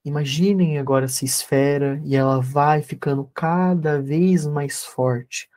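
A man, a therapist teaching an online workshop and leading a guided meditation with calm, repetitive instructions over a video call. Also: a little high, a little slow.

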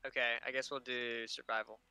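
A man's voice: mid-range voice, flat delivery, a little fast, music in the background. A man talking casually as a player in a tabletop game.

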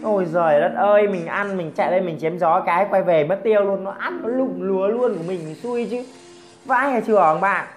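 Woman yelling and teasing thru her mobile game match, lots of oh my gods, soft music in back. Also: mid-range voice, a little fast. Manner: exclamatory, teasing opponents, frequent cries of surprise. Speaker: gameplay commentator. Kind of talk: excited mobile game commentary.

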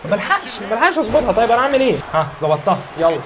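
Excited Egyptian man shouting over wrestling. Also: high voice, very fast. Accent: Egyptian Arabic. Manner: shouts and cheers at the game, trash-talks opponent. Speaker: gaming YouTuber. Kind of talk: excited wrestling game commentary. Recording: loud crowd noise from game. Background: loud game arena crowd.

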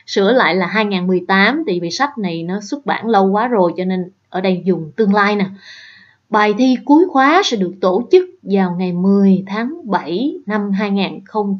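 A female English teacher with a Southern Vietnamese accent leads an exam prep lesson, patiently explaining the questions step by step and checking in with her students. Her voice is mid-range, and the recording has its highs cut off.

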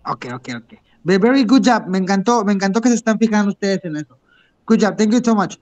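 Very high-voiced male teacher. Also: fairly quick, a little mellow. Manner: encouraging, switches between English and Spanish. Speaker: English teacher. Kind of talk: online class instruction.

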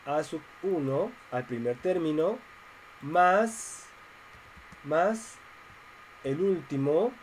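Slow, patient male math teacher. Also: fairly high pitch, expressive, a little hiss or hum, poor audio. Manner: patient, step-by-step, asks students questions. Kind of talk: online class lecture.

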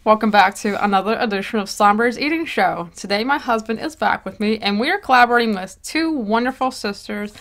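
A woman's voice: mid-range voice, fairly quick, few pauses, a bit bright. A woman hosting a casual eating show, chatting with a laugh and stumbling over her words now and then. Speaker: mukbang host. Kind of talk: casual chat while eating.

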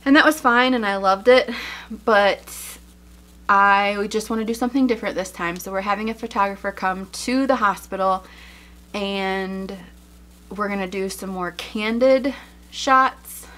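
A young woman talks casually to her viewers, a little out of breath, her voice at a middle pitch. She chats along with many "um"s and light laughs as she shows things one by one. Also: unhurried, fairly bright tone. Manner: chatty, many fillers and laughs. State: slightly out of breath. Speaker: vlogger. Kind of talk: casual chat showing items.

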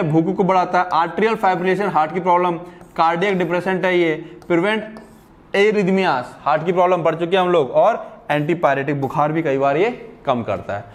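A young man teaching a pharmacy class. He reads English text slowly, explains it again in Hindi and keeps checking whether his students have understood. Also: fairly high pitch. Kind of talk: classroom lecture.

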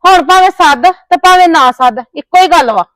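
A woman's voice: extremely high pitch, lively intonation, normal speed, a bit bright, no room sound. A woman playing a neighbour who scolds and taunts with sarcasm in a family drama. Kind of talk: Punjabi village family drama acting.

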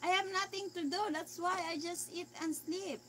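A woman's voice: very high voice, fairly even intonation, moderate pace. A woman chatting casually with viewers on a live stream. She reads their comments aloud, answers in simple phrases and laughs easily.

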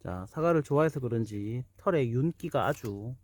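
A man's voice: mid-range voice, expressive, moderate pace, a little mellow. A man casually narrating a homemade pet video outdoors while he films, now and then chatting to the animal. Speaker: vlogger filming own dog. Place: outdoors in an apple orchard.

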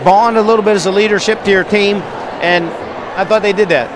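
A middle-aged man talks fast and animated in a postgame interview, his voice sitting a little high. He holds a handheld mic in a big high school gym, with the crowd noise clearly heard behind him. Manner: animated, gesturing while standing. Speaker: wrestling coach. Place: high school gym, large indoor space. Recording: noisy gym background.

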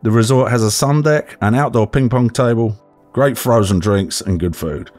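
A man narrating a travel guide voice-over in a clear, informative way, giving step-by-step directions. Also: medium pitch, normal speed, darkish tone. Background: faint background music.

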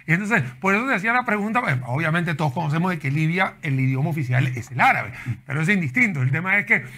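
A man's voice: on the high side, animated, fast talker, bright, forceful tone. A man hosting a casual interview in an office lounge, asking chatty, rambling questions. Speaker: interview host. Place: office lounge studio, indoors.

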